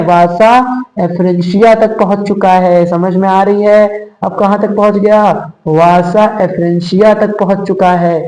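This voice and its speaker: A man's voice: high voice, a little mellow. A young man teaching a biology lesson to exam students, repeating key terms and asking questions that he answers himself. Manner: repetitive, coaxing, asks questions and answers them himself. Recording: echoey room.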